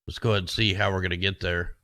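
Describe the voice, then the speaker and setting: A man's voice: sits low, little pitch movement, rapid-fire, bright, forceful tone, no room sound. A man casually talking through weather maps as host, rambling and conspiratorial, with his voice getting worn. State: losing his voice. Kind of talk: casual screen-share commentary.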